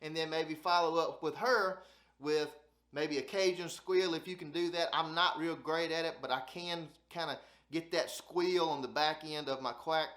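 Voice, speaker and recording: A South Alabama man with a Southern accent hosts a duck hunting channel, teaching in a casual, down-home way and often repeating words for emphasis. His voice is slightly high and a bit bright, at normal speed. The recording is noticeably echoey.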